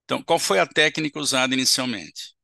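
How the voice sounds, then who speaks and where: A man's voice: medium pitch, quick pace, vocal fry, pushed and bright, no room sound, studio quality. A man giving a seminar lecture in an auditorium, explaining step by step and checking in with the audience with short tag questions.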